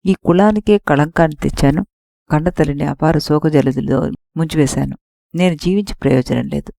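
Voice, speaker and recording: A woman's voice: low voice, moderate pace, gravelly, dark tone, no room sound, clean studio sound. A woman voicing a young princess grieving in shame, read as part of an audiobook story. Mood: anguished. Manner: grieving, self-reproaching.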